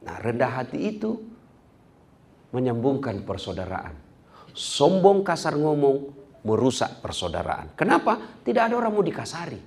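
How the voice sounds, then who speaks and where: A middle-aged man, giving a humorous sermon that swings from loud to soft. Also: medium pitch, moderate pace, creaky. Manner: lively, acts out quarrels in a raised voice, swings from loud to soft. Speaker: preacher.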